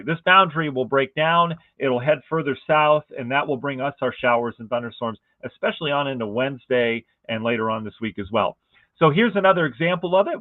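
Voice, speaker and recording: Male forecaster, chatty and excitable, mid pitch, dry phone-like audio. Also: no room sound. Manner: enthusiastic, conversational, asks viewers rhetorical questions. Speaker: weather forecaster. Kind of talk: casual weather forecast walkthrough. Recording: dry, phone-like narrow band.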